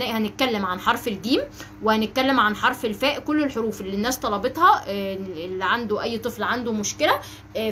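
Brief: Egyptian woman, speech therapist, fairly high voice, slow emphatic drilling, faint hiss. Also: fairly bright tone. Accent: Egyptian Arabic. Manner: slow, emphatic drilling of sounds with frequent check-ins. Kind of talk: instructional video lesson.

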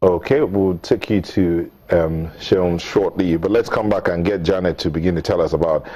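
A man's voice: low-pitched, moderate pace, dark tone. A Nigerian-accented man in his forties presenting a morning TV show in an informal studio style.

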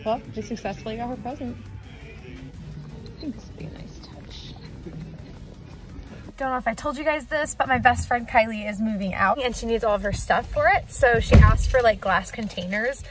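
A woman's voice: on the high side, moderate pace, long pauses, over music. A woman in her twenties chatting casually to a handheld camera in a vlog, bubbly and full of filler words. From USA. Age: 20s. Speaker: vlogger. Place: apartment, car and outdoors. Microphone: handheld phone or camera at arm's length.

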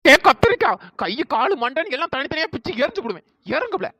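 A woman's voice: big pitch swings, quick pace, noisy background. A woman voicing a bossy village girl in a cartoon, scolding and ordering the others around. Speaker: cartoon storyteller. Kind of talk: cartoon voice acting. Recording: dry close pitched-up voice.

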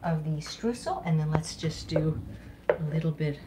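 A middle-aged woman, chef and host of a casual live cooking demonstration in an indoor home kitchen, speaks in a low, animated voice at a moderate pace, exclaiming enthusiastically. Heavy background noise includes clattering dishes and clicks.

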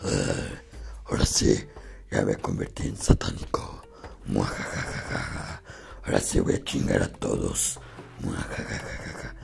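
A man voicing a gleeful, menacing satanic goat in a game video, growling deep and cackling as he gloats. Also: little pitch movement, unhurried, heavily acted. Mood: gloating. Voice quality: deep gravelly demonic growl.

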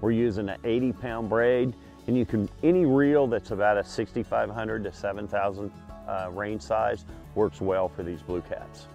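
A man who fishes catfish tournaments, talking in a relaxed, plain-spoken way on an open boat. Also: on the low side, normal speed, gravelly, soft background music. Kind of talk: casual fishing show talk.

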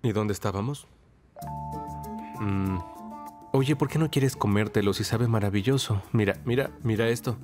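An actor doing a patient man coaxing a toddler at the table, gentle and fairly low-voiced. The dubbed scene plays with clear music behind him. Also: moderate pace, pauses often, natural voice. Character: patient young man feeding a small child. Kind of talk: Spanish-dubbed TV drama.

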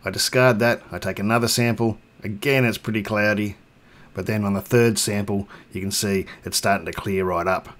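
An Australian man in his fifties runs a home brewing channel, reviewing beer casually in a vlog shot indoors at his home bar. His voice is lowish and a bit bright, fairly even at a moderate pace, and he rambles chattily with lots of ums and restarts.

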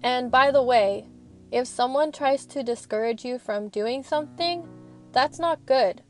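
A woman's voice: high voice, unhurried, darkish tone, faint music behind. A young woman student rambling in a chatty, earnest voice-over, recorded in her parked car. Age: young adult. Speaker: student vlogger.

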